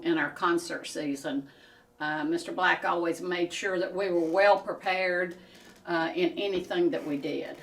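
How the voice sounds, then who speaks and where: Calm lady showing people round a museum, slow talker, kinda far from the mic, echoey. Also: fairly low pitch. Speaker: museum tour guide. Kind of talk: informal guided museum tour. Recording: echoey room, distant mic, faint noise.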